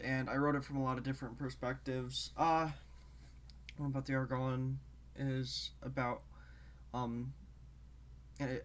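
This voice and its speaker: A man hosting his own show in casual solo talk, rambling and halting as he drifts between topics, a bit congested. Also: mid-range voice. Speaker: show host.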